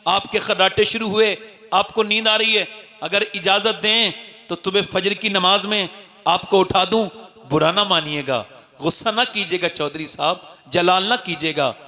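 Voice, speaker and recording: A man preacher voicing a gentle, devout young woman who pleads softly and humbly in a sermon story. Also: sits high, normal speed, big-room sound. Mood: pleading. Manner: soft, humble and coaxing.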